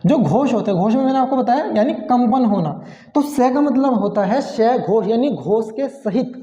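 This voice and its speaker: A man's voice: extremely high pitch, lively intonation, normal speed, mellow. A man teaching a grammar lesson, explaining step by step and asking and answering his own questions. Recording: dull sound with long hall reverb.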